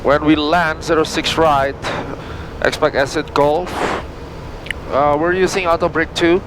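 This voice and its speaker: A man from Indonesia, an airline pilot, narrating and briefing from the cockpit in informal, halting non-native English. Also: fairly high pitch, fairly even intonation, background noise. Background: music.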